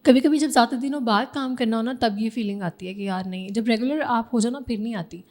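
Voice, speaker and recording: A young woman with a Pakistani Urdu accent, chatting as an interview guest about her stage debut, often clearing her throat. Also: on the high side, darkish tone. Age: young adult. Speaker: guest, social media influencer. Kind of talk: casual interview chat.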